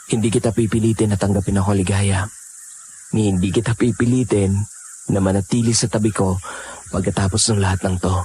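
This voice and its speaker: A man playing a protective young man with aswang blood, speaking in an earnest, steady manner. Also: fairly low pitch, brisk, slight background noise, natural voice. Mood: tender. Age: young adult. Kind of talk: Tagalog audio horror drama.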